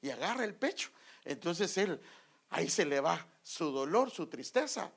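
Raspy, gravelly Guatemalan preacher man. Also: a little high, moderate pace. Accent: Guatemalan Spanish. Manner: animated storytelling, drops to whispers for inner thoughts. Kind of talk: sermon with personal story.

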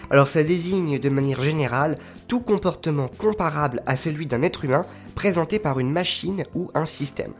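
A man hosting a podcast, explaining step by step with frequent fillers. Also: on the high side. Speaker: podcast host.

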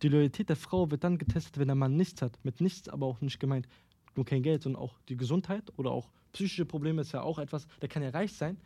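A man's voice: a little high, mellow, dry recording. A young man hosting a casual podcast chat, asking questions and cutting in to make his point. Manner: quick, pushes questions, interrupts. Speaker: podcast host.

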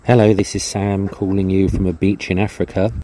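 A man's voice: low-pitched, little pitch movement, brisk, dark tone. A man recording a casual, wry podcast diary with a towel over his head, chatty and understated, slightly muffled. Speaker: podcast host. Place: exposed wooden beach shack, under a towel.

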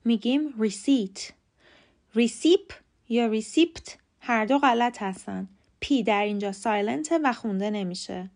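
A Persian-speaking woman hosting a short podcast lesson, reading from a script in a clear, careful way and spelling out words letter by letter. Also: mid-range voice. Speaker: podcast host and English teacher.

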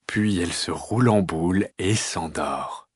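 A man reading a children's story aloud in an expressive, lilting storyteller's voice. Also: sits low, a little slow, slightly rough, no echo.

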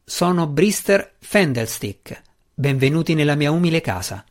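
A man voicing a frantic male human wizard in an audiobook, shrieking his lines high and drawn out. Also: big pitch swings, a little slow. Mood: pompous.

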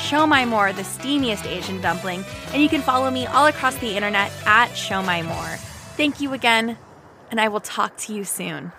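A woman hosting a podcast, effusive and grateful, often repeating her words for emphasis as she signs off and makes announcements. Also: a little high. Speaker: podcast host. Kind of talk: heartfelt podcast sign-off and announcements.

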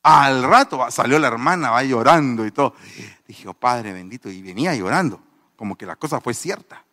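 A man's voice: medium pitch, lively intonation, normal speed, bright, forceful tone, big-room sound. A man, a pastor, giving a testimony sermon, telling the story with animation and acting out the people in it.

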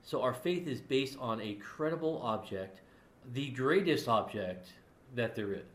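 Male co-host, earnest and explanatory, stumbles and restarts, mid pitch, roomy echo. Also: animated, a little slow. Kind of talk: casual theological discussion.

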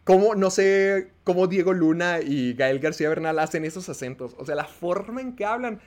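A man's voice: high voice, animated, normal speed, darkish tone. A man with a Mexican accent, a podcast host giving a rambling, casual film review with many fillers.

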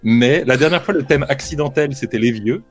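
A man's voice: mid-range voice, fairly quick, breathy edge, no room sound, soft background music. A man hosting a casual show, making spontaneous announcements in a hesitant way, repeating words as he goes. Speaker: show host.

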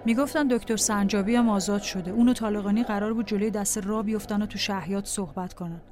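Calm woman reading a diary aloud. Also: medium pitch. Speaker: narrator. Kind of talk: scripted memoir narration.

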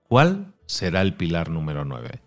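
A middle-aged man hosts a relaxed podcast chat in a lowish voice. He talks animatedly, laughs often and drops to quieter asides. Soft music plays faintly behind him. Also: measured pace. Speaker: podcast host. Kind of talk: casual podcast conversation.

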